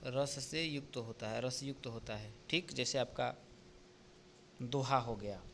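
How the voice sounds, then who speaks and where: A male teacher going through an exam paper step by step, often pausing to check with "ठीक?". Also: medium pitch, fairly even intonation, gravelly, a bit bright, slight background noise. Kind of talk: exam paper walkthrough lesson.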